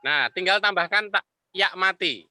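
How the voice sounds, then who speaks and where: Bright-voiced man teaching Arabic. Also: sits high. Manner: explains patiently, repeats Arabic phrases slowly. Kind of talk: online class lecture.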